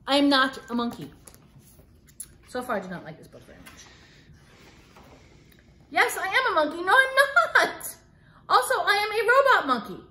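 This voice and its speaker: Her voice is extremely high, very animated and sharp as a middle-aged woman reads a picture book to children at a moderate pace, pausing often. She performs it playfully, with mock-exasperated asides. It was filmed indoors in a living room on a phone camera a few feet away, so the audio sounds roomy.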